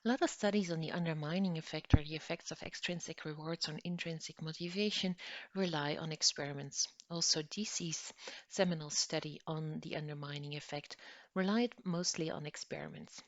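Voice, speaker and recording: Woman from northern Belgium, educational talk, lower voice, dry muffled recording, acts out dialogue in story. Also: a little fast, no echo. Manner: storytelling, acts out dialogue with lively pitch jumps. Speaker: lecturer.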